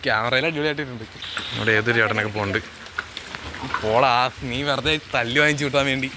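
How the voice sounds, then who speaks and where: A man's voice: mid-range voice, fast talker. A man with a Kerala accent chats casually to a cycling vlog audience, mixing English words into his Malayalam. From Kerala, India. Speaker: vlogger. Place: outdoors on roads while cycling. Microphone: handheld phone camera while riding. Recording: noisy outdoor recording with vehicle sounds.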